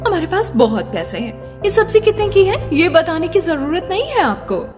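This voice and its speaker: A woman voicing a haughty, hot-tempered rich young daughter-in-law in an animated story, brash, boastful and argumentative. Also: very high voice, moderate pace. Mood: haughty, angry. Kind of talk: Hindi animated moral-story acting. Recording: long reverb, loud background music.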